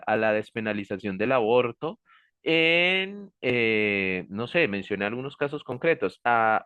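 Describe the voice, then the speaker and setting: A man's voice: medium pitch, fairly bright tone, no echo. Man, teacher, classroom lecture, keeps asking if students follow, dry sound. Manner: checks understanding with frequent "¿sí?" and "¿listo?"; gives warnings like "ojo" and "pilas".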